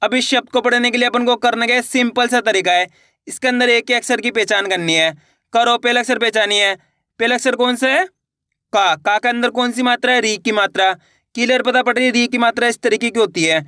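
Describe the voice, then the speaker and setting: Male teacher, high and bright, drills syllables slowly and asks the viewer questions, dry close mic. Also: clean tone, no echo. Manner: slow, drawn-out syllable drilling, repeating questions. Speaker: Hindi reading teacher. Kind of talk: online reading lesson.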